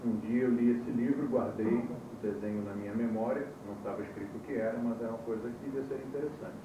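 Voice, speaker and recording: A man's voice: medium pitch, fairly even intonation, quick pace, recorded from a distance, background noise. A man teaching a classroom course, telling stories in a wry way and quizzing his students, heard from an old VHS tape recording. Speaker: course instructor. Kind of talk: classroom lecture. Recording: muffled, echoey old VHS tape from afar.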